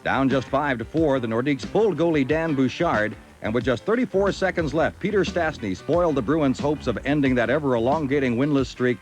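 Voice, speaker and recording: A man's voice: mid-range voice, fairly quick, hardly any pauses. American male TV sportscaster, mid register, hockey read with music underneath. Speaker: sports announcer. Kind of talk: scripted highlight narration and hockey commentary.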